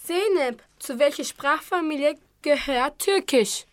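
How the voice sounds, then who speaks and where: A young girl hosts a school radio segment in a high voice. She reads slowly and carefully from a script. The studio sound is dry and close. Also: expressive, no echo. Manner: slow, careful, read-aloud delivery. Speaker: student radio presenter.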